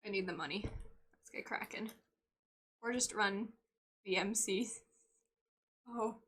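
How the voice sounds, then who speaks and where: A young woman streaming a game live, chatting playfully as she plays, with sudden loud outbursts and giggles. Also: medium pitch, takes it slowly, breathy edge.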